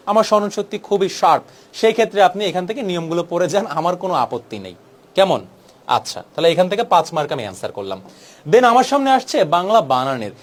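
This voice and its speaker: Young male tutor, high and quick, brisk and persuasive, exam-prep lesson. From Bangladesh. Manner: brisk, persuasive, mixes English words into Bangla.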